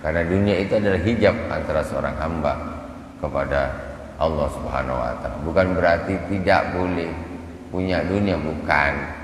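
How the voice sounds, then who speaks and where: Male preacher, animated repetitive scolding, faint noise, echoey hall. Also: rumbling low, brisk. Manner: animated, repetitive rhetorical scolding with sharp rises. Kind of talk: sermon. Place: mosque.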